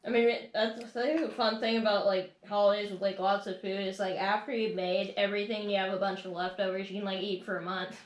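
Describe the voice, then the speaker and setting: A woman in casual chat while eating, relaxed and muttering as she cuts her food. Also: medium pitch, a little fast, hardly any pauses. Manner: relaxed, talks with mouth full, muttering while cutting. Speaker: co-host of a mukbang channel. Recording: roomy kitchen, faint noise.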